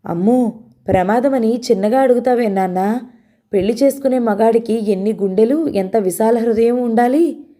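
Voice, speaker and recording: A woman's voice: fairly high pitch, normal speed, dark tone, close to an everyday voice. A woman voicing a playful, teasing young man, a student son, in a read-aloud novel. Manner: cheeky, joking.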